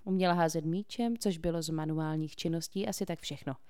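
A woman narrating a novel aloud, reading in a steady, clear way. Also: low voice, dry recording, clean studio sound. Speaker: audiobook narrator. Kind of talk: scripted narration.

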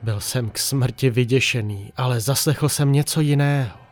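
Faint music sits under a man's first-person horror narration. He keeps his voice low and tense, at a pitch that is neither high nor low.

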